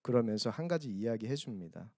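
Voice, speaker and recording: A man preaching a sermon at an ordinary pitch, recorded dry with little room sound. He keeps turning to the congregation with questions, sometimes pressing hard and sometimes dropping to a near whisper. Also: expressive, fairly quick, mellow, no echo. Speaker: pastor. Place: large church hall.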